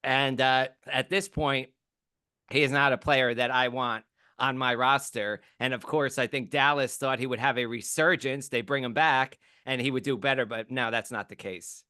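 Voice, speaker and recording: A man's voice: mid-range voice, steady tone, moderate pace, pushed and bright, smooth, no echo, studio quality. A man co-hosting a fantasy football show in casual sports talk, conversational with ums and easy laughs.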